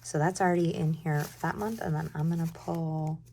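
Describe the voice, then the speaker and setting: A woman in her thirties with a hoarse voice from a cold, chatting candidly while she budgets and sometimes dropping to a near-whisper. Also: low-pitched, steady tone, brisk, mellow, a little hiss or hum. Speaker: budgeting vlogger. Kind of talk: casual chat while stuffing cash envelopes.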